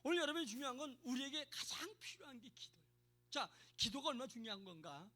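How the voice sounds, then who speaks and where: A middle-aged pastor preaching a sermon, emphatic and calling out to the congregation for responses. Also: male voice, very high-pitched, fast talker, pushed and bright.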